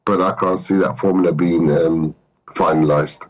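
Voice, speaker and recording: A man from Turkey with a London accent, a football manager, is the guest in a remote interview, working through his thoughts aloud with frequent fillers and false starts. He speaks in a low voice at a moderate pace with fairly even intonation, captured in low-quality audio.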